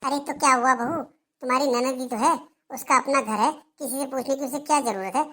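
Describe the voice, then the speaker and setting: A melodramatic older mother-in-law who taunts and wails, as a woman voices her for a cartoon. The voice sits a little high and talks in a scolding, complaining sing-song. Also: brisk, sharp tone, husky, exaggerated voice. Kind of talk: Hindi cartoon dialogue.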